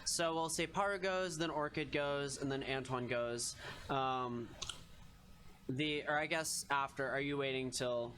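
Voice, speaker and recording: A man acts as game master with casual, improvised narration. His voice is forward and bright at a middling pitch, with a little noise in the recording. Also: unhurried. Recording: faint room noise.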